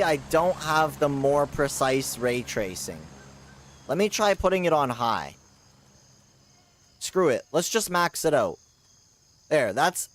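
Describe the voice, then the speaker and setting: A man streaming a shooter game live, chatting casually and rambling with slang, with sudden loud outbursts of surprise. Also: fairly high pitch.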